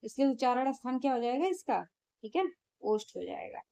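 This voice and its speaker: A woman's voice: high voice, sing-song, fairly quick, vocal fry, warm tone. A woman teacher, going through exam questions in a lesson and answering her own questions.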